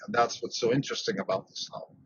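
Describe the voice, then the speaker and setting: On his solo podcast, a man who grew up in Switzerland talks quickly, working through his thoughts with lots of fillers and restarts. He has a mid-range voice, and the audio is dull and lo-fi with a faint noise in the background.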